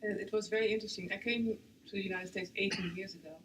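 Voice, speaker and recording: A panelist from the Netherlands speaking English in a reflective, quiet way that often trails off into near silence. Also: medium pitch, fairly even intonation, quick pace. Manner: quiet, trails off and drops in volume. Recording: distant mic with faint background noise.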